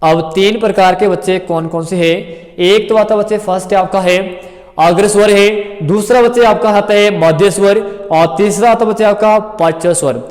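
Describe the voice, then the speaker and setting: In a fairly high yet darkish-toned voice, a male coaching teacher explains grammar to exam candidates at a moderate pace. He repeats himself, calls his students kids and frequently checks their understanding, all under a long, lingering reverb.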